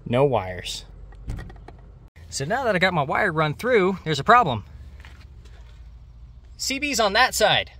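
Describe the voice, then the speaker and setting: Against noisy vehicle ambience, the host of a DIY vehicle channel narrates an install step by step. His voice sits a little high and sounds pushed and bright, but his manner stays plainspoken and easygoing.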